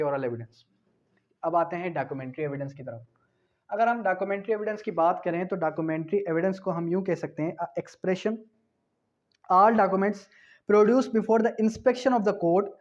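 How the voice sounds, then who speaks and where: In dull, lo-fi lecture audio, a man with a high voice and a darkish tone teaches law for an exam, speaking with a Pakistani accent. He alternates between Urdu and English phrases read slowly, reciting definitions, repeating the key points, and asking rhetorical questions as he explains.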